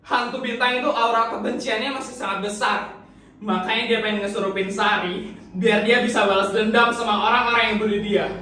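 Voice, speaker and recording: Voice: mid-range voice, fairly even intonation, fairly quick, bright, forceful tone, close to an everyday voice. A performer voicing a classmate in an amateur fan horror drama who explains the ghost in an ominous way. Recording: very echoey, far from mic, music behind.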